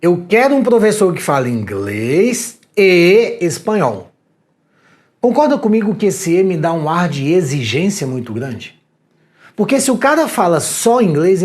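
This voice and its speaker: Lively Brazilian male teacher. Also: sits high. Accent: Brazilian Portuguese. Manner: animated, slangy, talks straight to the viewer. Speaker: exam prep teacher. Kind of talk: energetic video lecture.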